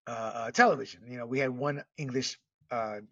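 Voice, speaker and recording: A man's voice: mid-range voice, fairly even intonation, brisk, sharp tone. A man from Panama hosting a casual monologue, blunt and ranting, with frequent filler words and the odd swear. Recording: dull lo-fi audio, distant from mic.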